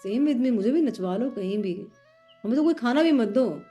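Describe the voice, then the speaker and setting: A woman chatting casually with friends, slipping into lively voices as she retells conversations. Her voice sits a little high, with a mellow, soft tone. Faint music plays underneath. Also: normal speed. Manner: animated storyteller acting out dialogue. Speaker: tarot student. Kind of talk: casual chat.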